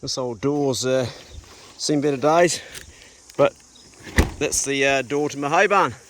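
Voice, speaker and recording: A man's voice: mid-range voice, measured pace. A man with a broad New Zealand accent chatting casually in a laid-back, matey, slangy way as he vlogs outdoors. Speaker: vlogger. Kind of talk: casual outdoor vlog chat and commentary. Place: outdoors on a farm and small boat. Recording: loud outdoor wind and boat noise.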